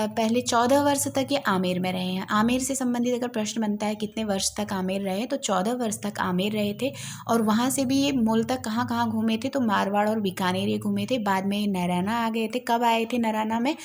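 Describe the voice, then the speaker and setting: A woman teaching a literature lesson for exam preparation. She explains patiently, repeats key points, uses frequent fillers, and recites verses slowly and carefully. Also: a little high, a little mellow, a little hiss or hum. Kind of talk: exam-focused lecture.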